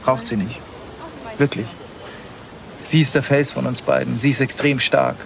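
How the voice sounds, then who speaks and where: A man's voice: mid-range voice, fairly even intonation, normal speed, creaky, crowd noise, natural voice. An actor playing a devoted young expectant father in a TV drama, earnest and casual. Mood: earnest, proud. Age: young adult. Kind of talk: naturalistic TV hospital drama. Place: outdoor hospital garden. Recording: outdoor ambience, background noise.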